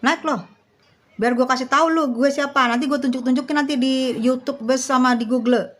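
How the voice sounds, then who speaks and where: A woman's voice: high-pitched, fairly even intonation, fairly quick. A woman, livestreaming and talking bluntly and directly to her viewers. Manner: blunt, slangy, speaks straight to her viewers. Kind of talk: live stream chat.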